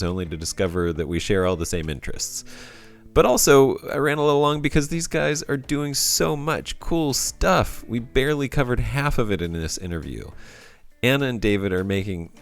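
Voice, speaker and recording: Deep-voiced male podcast host. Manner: enthusiastic, laughs often. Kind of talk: casual interview.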